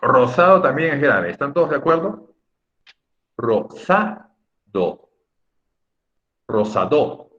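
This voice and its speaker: Male teacher on a lo-fi video call, animated delivery, patient and lightly teasing with students. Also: on the high side, brisk, few pauses. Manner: patient, drawing out words to stress syllables. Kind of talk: online class instruction. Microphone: computer mic on a video call. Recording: muffled lo-fi video call audio.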